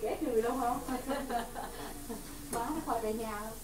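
A woman's voice: a little high, fairly even intonation, normal speed, heavy background noise. A woman bantering and teasing with jokes in a casual chat in a nail salon.

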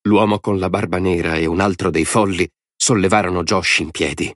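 A man narrating an audiobook in a dramatic, expressive storytelling style. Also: deep voice, moderate pace, no echo, clean studio sound.

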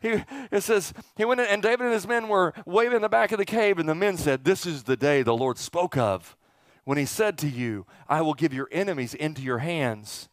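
On a church auditorium stage, a middle-aged male pastor talks to his flock in a relaxed, joking, folksy way, throwing out rhetorical questions and repeating key phrases. His voice is a little high and a little fast. Recorded through a headset, it has no echo.

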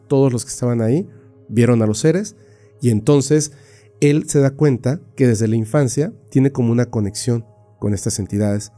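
A man with a mid-range, very dark and mellow voice tells a story on a podcast over faint background music. His delivery is casual and animated, full of fillers, with occasional sounds imitated by mouth.

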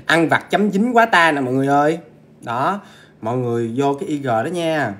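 A man's voice: fairly high pitch, animated, fairly quick, a bit bright. A man hosting a casual ghost-story livestream, chatting to viewers and eating as he talks. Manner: chatty, addresses viewers directly, eats while talking.

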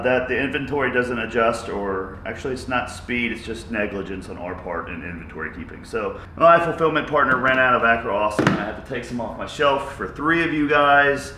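Goofy man in an echoey gym. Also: slight background noise. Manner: goofy, excitable, jumps between loud bursts and low asides. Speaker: fitness vlogger. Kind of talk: casual vlog chat. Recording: echoey room.

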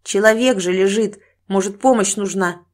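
A woman's voice: medium pitch, moderate pace, close to an everyday voice. A decisive older husband speaks in short, commanding bursts, as a woman narrator reads his lines. The audiobook voice stays close to her own. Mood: firm. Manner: brusque, commanding.

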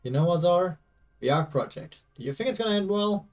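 Brief: man reading a subdued young female character, slightly raised pitch, hesitant. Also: expressive, a little fast, a little mellow, far from the mic. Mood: somber. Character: quiet, troubled young woman. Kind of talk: reading game dialogue aloud.

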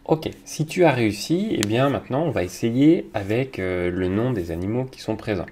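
A man teaching young children, talking slowly and patiently, with hesitant fillers. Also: mid-range voice, lively intonation, slight background noise. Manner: speaks slowly to a child, hesitant fillers, loudly claps out each word. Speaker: kindergarten teacher.

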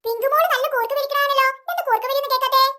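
A woman's voice: very high-pitched, fairly even intonation, very fast, bright, forceful tone. A woman voicing a curious, cheeky little girl in a cartoon. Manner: cheeky, inquisitive. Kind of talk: cartoon voice acting.

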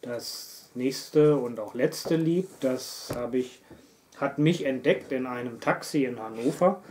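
A man, a singer-songwriter and poet, performing a rhyming spoken-word poem live on stage, with a rhythmic delivery that softly trails off at line ends. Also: medium pitch, slow pace, slight background noise. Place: live stage before an audience.

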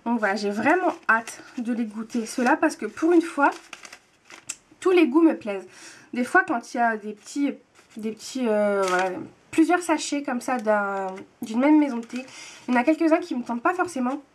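A young woman in her twenties, a book and tea vlogger, chats casually to the camera while unboxing a monthly tea box, gushing and repeating words for emphasis. Her voice is fairly high and expressive at a normal speed, with a little hiss or hum in the background.

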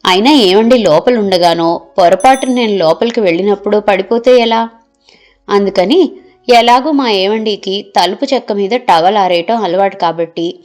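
A woman's voice: mid-range voice, darkish tone. Older woman telling a teasing home story. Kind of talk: first-person audio story narration.

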